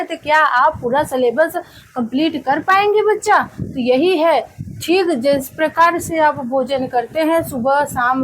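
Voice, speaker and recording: A woman's voice: sits high, fairly bright tone, low-quality recording. A woman teacher telling a story to students as a lesson, often asking them rhetorical questions and calling them children. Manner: addresses listeners as children, asks rhetorical questions.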